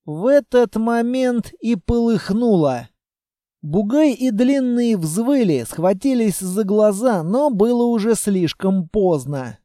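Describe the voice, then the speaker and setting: A man narrating an audiobook in a measured, steady reading. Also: sits high, no room sound, clean studio sound. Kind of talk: scripted narration.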